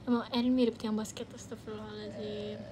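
A woman's voice: mid-range voice, little pitch movement, a little fast, background noise. A young woman hosting a casual phone livestream from a friend's home, playful and teasing as she reads viewer comments aloud. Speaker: livestream host.

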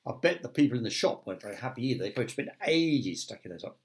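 A man's voice: medium pitch, very animated, very fast. A man who teaches primary school, reading a children's story aloud with chatty asides to the young listeners.

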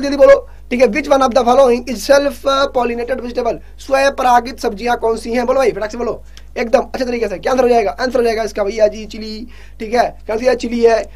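This exam prep teacher, whose voice is very high-pitched yet steady and darkish, urges his online revision class to answer quickly and teases them as he goes. Each English question gets a slow reading, followed by an explanation in Hindi.

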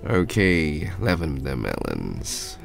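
A gaming YouTuber casually comments on a video game as he plays, sick and nasal with a stuffy cold. His bass voice is very animated with vocal fry, yet slow and chatty toward viewers, with soft music behind him.

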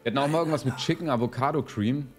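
A man's voice: mid-range voice, very fast. A man giving casual gaming commentary as he plays, rambling in slangy, sweary language. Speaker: let's player. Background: game music.

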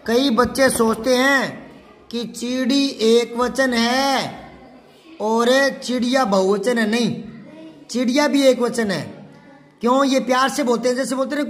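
A man teaching a children's class, patiently going through worksheet questions, asking the pupils and answering himself. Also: extremely high pitch. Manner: spells out words syllable by syllable. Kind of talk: classroom lesson explaining a worksheet.

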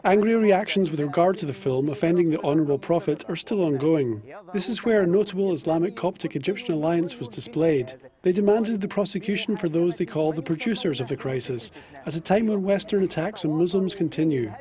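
High, mellow male news narrator. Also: a little fast. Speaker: news reporter voice-over translator.

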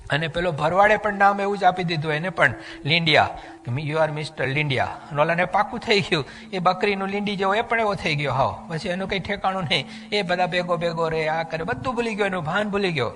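A man delivers a devotional discourse in a lively, storytelling manner, with English phrases mixed in. His voice sits a little high and sounds bright and forceful. A long hall reverb trails behind every phrase. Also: brisk. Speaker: religious speaker giving a discourse. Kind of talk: devotional sermon.

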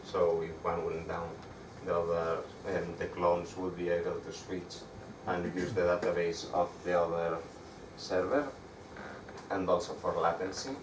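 A young man with a Spanish accent giving a meetup tech talk with slides, speaking haltingly with frequent restarts. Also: low-pitched, completely flat delivery. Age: young adult. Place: dark room with projector screen. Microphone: far camera. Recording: echoey room, distant mic, audible background noise.

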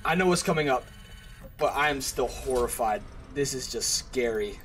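A man's voice: medium pitch, expressive, normal speed, fairly bright tone, slight background noise. A young man hosting a horror game let's play, chatting casually, swearing and getting scared. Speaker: gaming channel host. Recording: game music playing under the voice.

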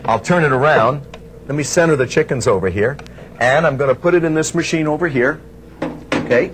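A man hosting a product demonstration, folksy and unscripted, talking through each step as he sells. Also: a little high. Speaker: infomercial host and product demonstrator. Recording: faint background noise, vinyl transfer.

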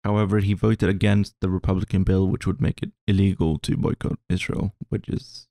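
A man's voice: sits low, dark tone, dry recording. A man co-hosting a podcast, talking politics in a casual, hesitant way with dry jokes. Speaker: podcast co-host.

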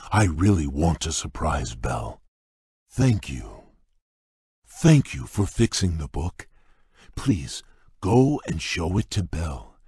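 A man voicing a large, gentle, shy male beast prince in a video game, speaking in a gentle, halting and formal way with a very deep, husky voice. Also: no room sound, clean studio sound, full character voice.

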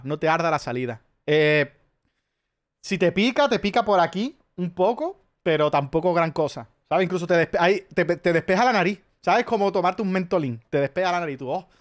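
A man's voice: a little high, lively intonation, moderate pace. Profane rambling Spanish man. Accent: Spanish from Spain. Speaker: streamer. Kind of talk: casual chat.

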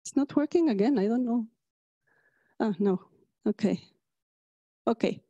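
A woman's voice: a little high, warm tone, dull audio. Mexican-born woman astrophysicist lecturing. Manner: friendly, halting with restarts. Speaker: astrophysicist giving a public talk. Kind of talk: public lecture. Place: lecture hall.

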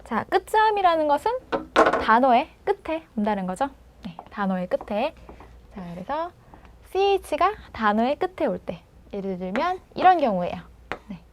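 A woman teaching pronunciation in a video lesson, patiently prompting and sounding words out slowly. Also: sits high, very animated, slight background noise. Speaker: language teacher.

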